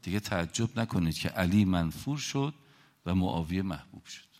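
A middle-aged man from Iran giving an impassioned religious lecture, telling stories dramatically with sudden swings in loudness. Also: deep voice, lively intonation. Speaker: religious speaker.

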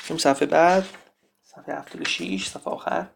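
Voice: mid-range voice, very animated, creaky, background noise. Patient teacher chanting poetic meter. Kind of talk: textbook lesson with poem recitation.

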